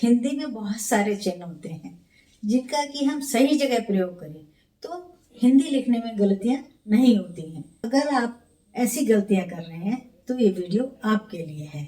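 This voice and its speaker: A woman teacher introducing a lesson video in a calm, inviting way. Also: medium pitch, moderate pace. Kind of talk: slow video intro over guitar music. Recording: echoey with guitar music behind.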